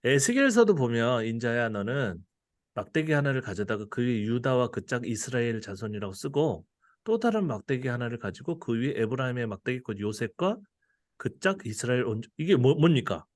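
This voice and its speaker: A man's voice: medium pitch, very animated, a little fast. A man giving a casual, conversational Bible study lecture, laughing often and letting his voice drop at the ends of phrases.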